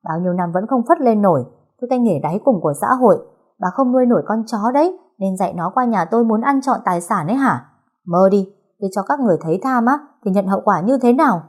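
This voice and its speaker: A woman's voice: lowish voice, expressive, moderate pace. A woman reading an audio story, voicing a furious, spiteful young woman who hurls insults. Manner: shouting insults, venomous.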